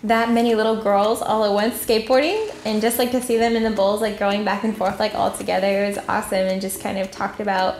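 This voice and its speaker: A woman's voice: medium pitch, flat delivery, brisk, hardly any pauses, a little hiss or hum. A young adult woman, a stunt performer, talking casually and upbeat in an interview with lots of fillers. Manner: upbeat, chatty, many fillers. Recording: roomy echo, faint music.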